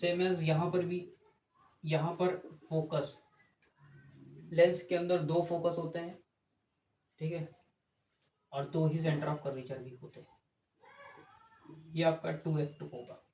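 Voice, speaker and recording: A man's voice: a little high, little pitch movement, takes it slowly, long pauses, a little mellow. Male teacher in echoey room. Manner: explains step by step, asks rhetorical checks, corrects himself. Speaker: physics teacher. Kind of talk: classroom lecture with board drawing. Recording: echoey room with faint ambient noise.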